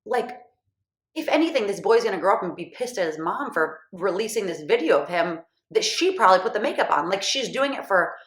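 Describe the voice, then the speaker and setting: A woman hosting a podcast, talking in a chatty, animated way and filling her speech with "like.". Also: medium pitch, fairly quick. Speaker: podcast host. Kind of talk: casual chat. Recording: echoey room.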